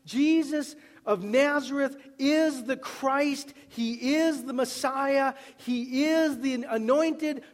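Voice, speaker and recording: High-voiced pastor preaching in a reverberant hall. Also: male voice. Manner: emphatic, repeats words, builds to loud cries then drops soft. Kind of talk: sermon.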